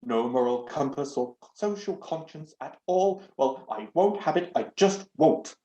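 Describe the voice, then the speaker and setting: A man's voice: fairly high pitch, lively intonation, measured pace, dark tone, pitched above the performer's own voice. A man voicing a fussy, indignant talking wooden door knob that lectures people on manners. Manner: pompous, scolding, self-righteous. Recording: echoey, dull home recording.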